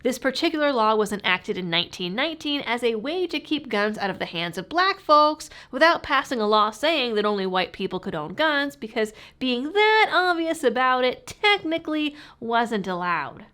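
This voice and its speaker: Stuffy, muffled woman with a lively voice. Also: fairly high pitch, normal speed, hardly any pauses, clear, resonant tone. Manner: sarcastic, pointed delivery. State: sick with a cold, stuffy and muffled like talking through a fishbowl. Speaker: political commentary channel host. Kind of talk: scripted political commentary.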